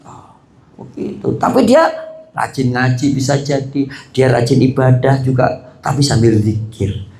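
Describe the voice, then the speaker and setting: A man's voice: medium pitch, expressive, unhurried, a little mellow. A man preaching a casual study sermon, chatting the audience, asking them questions and saying "gitu" and "begitu" again and again. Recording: roomy hall echo.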